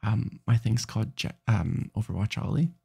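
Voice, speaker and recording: A man's voice: fairly low pitch, expressive, moderate pace, vocal fry, darkish tone, breathy edge. A sleepy man streaming late at night, rambling and restarting his sentences as he chats. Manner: rambling, self-interrupting, tired.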